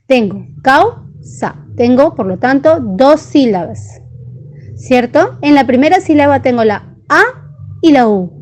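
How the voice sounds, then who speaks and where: Brief: woman teacher, high voice, patient pace, sounds out each syllable for kids. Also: animated, unhurried, a little mellow, slight background noise. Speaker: primary school teacher. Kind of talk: online grammar lesson.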